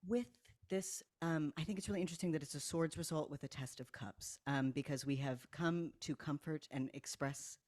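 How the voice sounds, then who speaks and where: A woman's voice: deep voice, normal speed, hardly any pauses, no echo, clean studio sound. A woman narrating and running a tabletop game, talking in a chatty, filler-heavy way. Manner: warm-hearted, filler-heavy, giggly. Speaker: game master.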